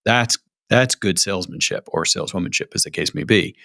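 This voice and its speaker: A man's voice: low voice, fairly quick, gravelly, bright, forceful tone, no room sound, studio quality. A man hosting a business podcast, reflecting on what his guest said and asking follow-up questions. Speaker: podcast host. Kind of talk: interview hosting.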